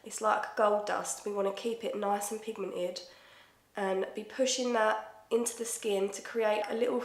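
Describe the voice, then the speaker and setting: A woman in her twenties with an Essex accent, chatting casually and swearing freely through a makeup tutorial. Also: mid-range voice. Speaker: makeup vlogger. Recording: echoey room.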